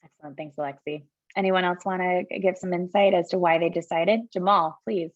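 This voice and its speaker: A woman's voice: lowish voice, fairly even intonation, dry recording, lo-fi sound. Upbeat woman moderating a panel. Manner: upbeat, brisk, quick with short affirmations. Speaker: admissions officer, panel host.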